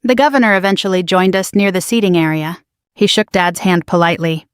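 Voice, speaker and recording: A woman narrating a first-person story in a measured, quietly dramatic manner. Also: lowish voice, clean tone, dry recording, studio quality.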